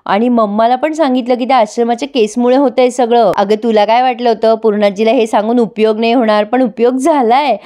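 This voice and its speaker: A woman's voice: on the high side, steady tone, a little fast, few pauses, mellow, lightly acted. A woman voicing a scheming young woman who gloats over her plot. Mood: gloating. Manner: sly, gloating.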